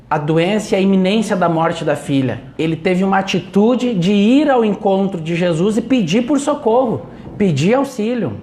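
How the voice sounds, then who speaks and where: A man giving an inspirational religious talk, telling a Bible story slowly and deliberately, with emphatic pauses. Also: sits high, a little mellow, slight background noise. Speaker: speaker. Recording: roomy echo.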